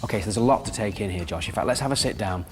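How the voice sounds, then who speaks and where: A man's voice: fairly low pitch, racing, big-room sound, faint music behind. A man hosting a TV prank show, chatty and jokey as he presents to camera.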